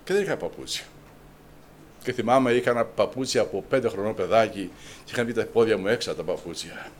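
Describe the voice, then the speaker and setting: An older man from Greece preaches an emotional sermon in a low voice. He drops into hushed, near-whispered prayer, then climbs into loud, high cries. A faint hiss sits under the recording.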